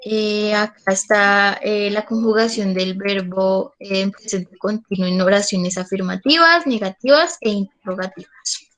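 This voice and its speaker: A woman's voice: medium pitch, steady tone, a little slow, fairly bright tone, low-quality recording. A woman teacher, patiently explaining English grammar in an online class and often checking that students follow.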